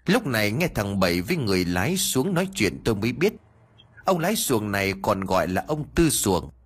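Male audiobook narrator for a ghost story, low husky voice, lively expressive delivery. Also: fairly quick.

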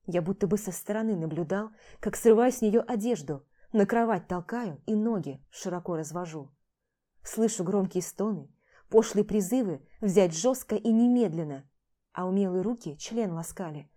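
A woman's voice: on the low side, normal speed, dark tone. A woman narrating a first-person novel aloud in an intense, emotional reading. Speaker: audiobook narrator.

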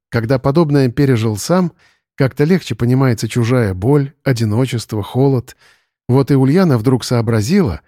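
A man reading a story aloud as narrator, calm and measured. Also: mid-range voice, no room sound, studio quality. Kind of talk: audiobook narration.

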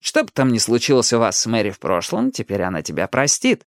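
A reader voicing a smug, scheming teenage ghost boy who talks smoothly and deliberately in an audiobook. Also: mid-range voice, huge pitch swings, dry recording, studio quality, pitched below the performer's own voice. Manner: smooth, self-satisfied, measured. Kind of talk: audiobook character voice.

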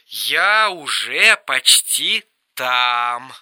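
A man voicing an erratic, mocking young man on the phone in an audiobook reading, shrill and teasing. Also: exaggerated voice. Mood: calm. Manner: shrill, teasing, quick swings to flat calm.

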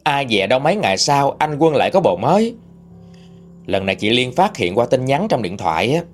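Expressive Southern Vietnamese male storyteller. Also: medium pitch, a little fast, soft background music. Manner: expressive, gossipy. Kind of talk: narrating a true-life story.

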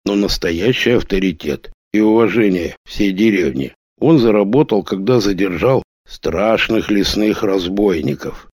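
Low-voiced male audiobook narrator. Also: no echo, studio quality. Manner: steady storytelling delivery. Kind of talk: scripted narration.

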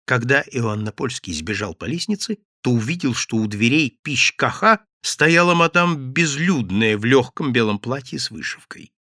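A man reading a classic satirical story aloud as an audiobook narrator, in an animated, theatrical way. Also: mid-range voice, moderate pace, few pauses, no room sound, clean studio sound.

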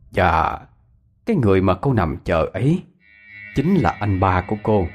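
A man narrates a ghost story. His delivery is dramatic, and his pitch moves around a lot. Faint music plays beneath him. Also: darkish tone.

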